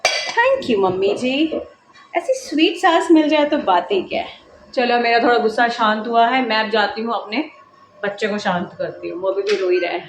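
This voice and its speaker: A woman's voice: mid-range voice, steady tone, a little fast, a little hiss or hum. A woman mother vlogging at home, talking to camera in an emphatic, lecturing way and scolding her child now and then. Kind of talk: casual vlog talking to camera. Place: indoors at home.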